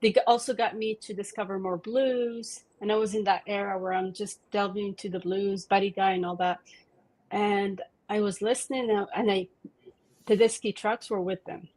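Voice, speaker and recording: Woman guest, mid-pitched, talkative and eager, laughs as she goes. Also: fairly even intonation, normal speed, darkish tone, low-quality recording. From Morocco. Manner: eager, rambling storytelling with frequent laughs. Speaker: podcast guest. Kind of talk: casual interview chat.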